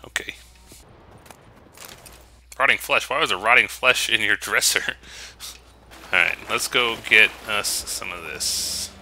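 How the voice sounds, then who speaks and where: Very bright, forceful male gamer. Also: fairly low pitch, slow pace, creaky, pauses often, slight background noise. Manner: jokey, teasing, exclaiming. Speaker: gaming host. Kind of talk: casual let's play commentary. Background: video game sounds.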